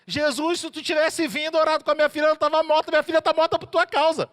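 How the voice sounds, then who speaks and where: A man voicing a grieving father who loudly accuses a healer of arriving too late. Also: steady tone, quick pace. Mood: indignant. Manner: accusing, high and loud.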